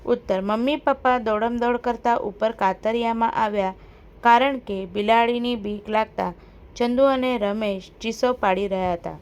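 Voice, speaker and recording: A woman teacher, reading out workbook questions and answers in a steady, dictating way. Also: a little high, normal speed, clean tone.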